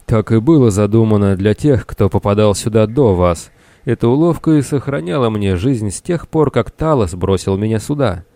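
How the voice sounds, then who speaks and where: A man voicing Ciron, a worn-out, excitable pirate who talks eagerly and exclaims a lot. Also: lowish voice, normal speed, dry recording. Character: weary male pirate, excitable and warm-hearted.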